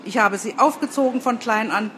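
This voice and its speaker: A woman's voice: on the high side, fairly quick, a bit bright, a little hiss or hum, lightly acted. A woman voicing a stubborn, tearful old man who refuses to leave his cow behind. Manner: stubborn, plaintive.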